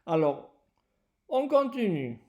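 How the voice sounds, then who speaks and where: A woman teaching French to Spanish speakers in a slow lesson. She repeats each phrase and translates it. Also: medium pitch, big pitch swings, highs cut off. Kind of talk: bilingual language lesson.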